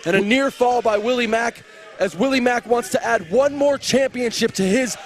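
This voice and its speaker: Very high-voiced male wrestling color commentator. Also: normal speed, slight background noise. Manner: emphatic, earnest analysis. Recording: loud arena crowd and music behind. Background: cheering crowd and music.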